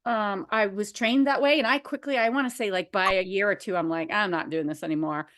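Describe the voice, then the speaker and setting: A woman in her forties hosting a casual conversation about behavior analysis, animated and quick to laugh. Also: medium pitch. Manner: animated, laughs often, acts out quotes.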